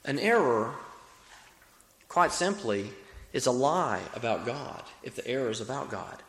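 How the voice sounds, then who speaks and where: A young man from Alabama, speaking with a Southern accent, preaches a sermon to a congregation in a reverberant room. His mid-range, slightly bright voice is very animated and a little slow, earnest and folksy as he repeats phrases for emphasis. The recording sounds like an echoey hall with long reverb.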